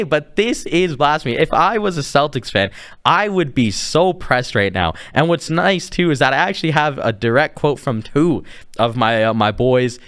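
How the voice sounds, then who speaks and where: A young man from Canada hosts a casual sports podcast, ranting in an animated, incredulous way. He breaks into laughs as he talks, and his voice sits at an ordinary middle pitch. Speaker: podcast host.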